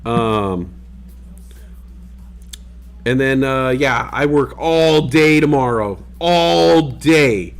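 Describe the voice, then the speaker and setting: A man's voice: medium pitch, lively intonation, drawn-out words, long pauses, clean tone. A man hosting a livestream in a casual, rambling chat full of fillers, with the hiccups. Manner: laid-back, rambling with many fillers. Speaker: livestream host. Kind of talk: casual chat to stream viewers. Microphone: desk microphone.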